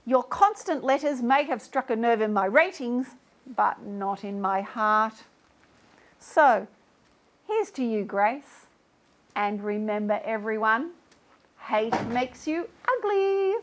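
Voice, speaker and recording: A woman's voice: fairly high pitch, animated, takes it slowly. A woman playing a vain, syrupy talk-show diva. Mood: smug. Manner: theatrical, syrupy and self-pitying. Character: vain self-absorbed female talk-show host. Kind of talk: comic sketch acting.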